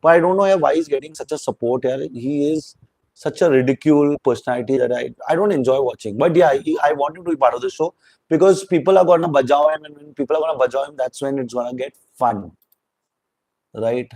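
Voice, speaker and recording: A man's voice: medium pitch, fast talker, a little mellow, dry recording, rough recording. A man giving a rambling, opinionated spoken review of a reality show, mixing in Hindi words.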